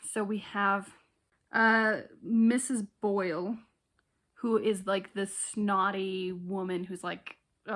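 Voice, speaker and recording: A young woman vlogging casually from her bedroom, chatty and giggly as she thinks aloud. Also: medium pitch. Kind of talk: casual chat.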